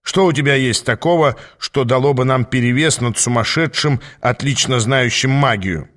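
A man's voice: medium pitch, normal speed, a bit bright, natural voice. A man reading the part of a firm, blunt male demon who gives orders and mocks, in an audiobook. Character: gruff, commanding male demon swordsman.

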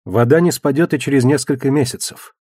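A man's voice: medium pitch, a little fast, no room sound, studio quality, close to an everyday voice. Weary sorceress queen, a man voicing her. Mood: subdued. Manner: subdued, quiet.

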